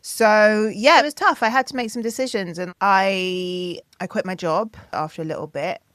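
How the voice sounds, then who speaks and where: Recorded in clean studio sound with no room noise, a mid-range female voice moves at a moderate pace through a podcast interview. The speaker, a singer and producer in her thirties, tells animated stories and acts out others' lines by raising her voice.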